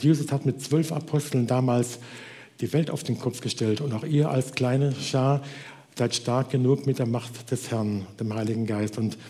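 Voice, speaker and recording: A man delivers an earnest, exhorting sermon to his congregation, often slowing down for emphasis. His voice is mellow and dark, at a middling pitch. A long reverb of a church hall trails behind every phrase. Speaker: preacher.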